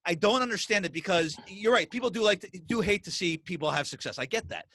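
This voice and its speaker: A man's voice: high voice, expressive, fast talker, bright, forceful tone, no room sound. A middle-aged man hosting a podcast, chatting casually and animatedly, with lots of restarts and repeated words. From US Northeast. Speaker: podcast host. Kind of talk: casual interview chat.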